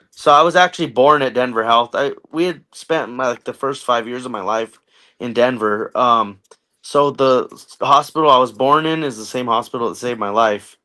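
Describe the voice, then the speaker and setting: A man's voice: medium pitch, sharp tone. An American man in his thirties tells his story as a podcast guest. He talks casually and keeps things light with jokes. His speech is loose and rambling, full of "you know" and "like". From United States. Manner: conversational, jokey, filler-heavy storytelling. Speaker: podcast guest, army veteran.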